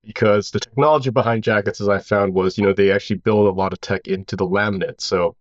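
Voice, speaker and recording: A man in his thirties with a fairly low voice tells his story as a guest. His talk is relaxed and rambling, full of fillers. The sound is dry and a bit dull, with a narrow band. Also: quick pace, no room sound. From Hawaii. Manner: relaxed and rambling, with many "you know" fillers. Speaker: founder of a clothing brand, guest. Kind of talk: casual interview storytelling.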